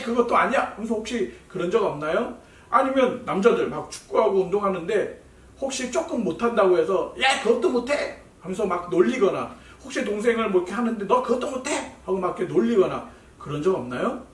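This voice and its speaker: A man preaching a children's Sunday school sermon, animated and asking the children questions. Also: high-pitched. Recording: roomy echo, voice heard from a distance.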